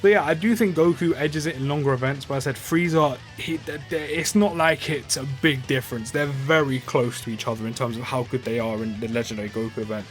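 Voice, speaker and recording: A man's voice: mid-range voice, fairly even intonation, brisk, few pauses, soft background music. Rambling man commenting on gameplay. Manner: rambling, many fillers and restarts. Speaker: gaming YouTuber.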